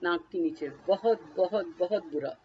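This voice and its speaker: A woman's voice: lowish voice, moderate pace, lo-fi sound, slight background noise. A woman leading a guided tapping session, naming each body point and then speaking a short first-person phrase for the listener to repeat.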